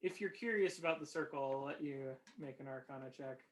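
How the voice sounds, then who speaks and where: A game master narrating a tabletop game, pausing often with ums and small laughs. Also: mid-range voice, a little hiss or hum, poor audio. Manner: slow, halting, many ums and laughs.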